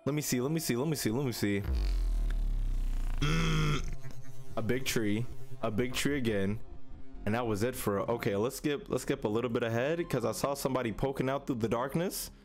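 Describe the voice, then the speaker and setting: In a small room at his streaming setup, a young adult reaction host talks at a moderate pace in a mid-range voice. His commentary is casual and slangy, with phrases repeated in bursts, and trailer music can be heard behind him.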